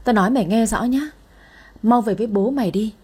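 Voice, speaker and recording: A woman voicing a menacing gangster man who threatens and shouts at his captives. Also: a little high, brisk, breathy edge. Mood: sneering.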